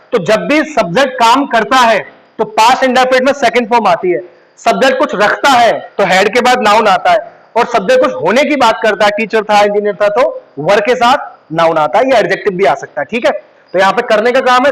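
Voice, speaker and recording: A man teaching an online grammar lesson, explaining step by step and often checking that students follow, slowing down to say the English example sentences. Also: sits high, fairly bright tone, poor audio. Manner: slows right down when saying English example sentences.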